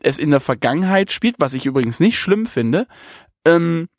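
A man's voice: a little high, sing-song, normal speed, no echo, studio quality. A man co-hosting a casual anime discussion on a live stream, speculating at length in a rambling way.

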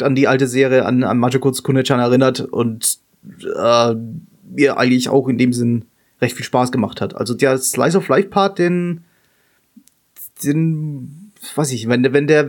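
Stammering man in podcast chat. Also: medium pitch. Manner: stammering repeats while searching for words. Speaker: podcast co-host. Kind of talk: casual chat.

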